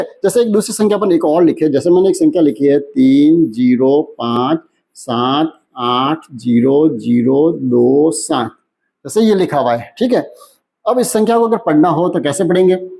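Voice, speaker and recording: Man, maths teacher, slightly high voice, mellow tone, asks and answers his own questions, slow careful number reading. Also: gravelly, breathy edge. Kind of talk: classroom lesson explanation.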